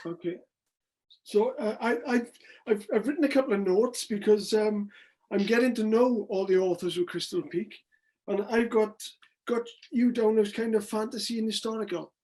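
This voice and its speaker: A woman interviewing authors over a video call, speaking haltingly with many restarts. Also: mid-range voice, mellow. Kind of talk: casual interview.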